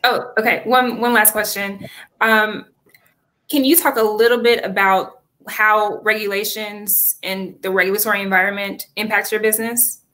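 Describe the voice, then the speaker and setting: A woman with a bright, forceful voice at a middling pitch speaks as a judge. She asks questions politely and conversationally. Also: fairly even intonation, normal speed.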